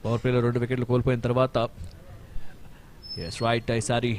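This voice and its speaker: A man delivers excited cricket commentary at a rapid clip in a Telugu accent. His voice sits at a middling pitch, and faint ground noise runs behind him as he calls the play in a mix of Telugu and English. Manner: excited, animated calls of wickets and boundaries.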